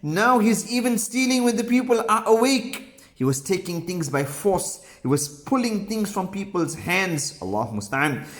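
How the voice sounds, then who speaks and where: Man, children's storyteller, slow animated delivery, pious interjections, moral tale. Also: high voice. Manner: slow, animated, scattered with pious phrases and ums.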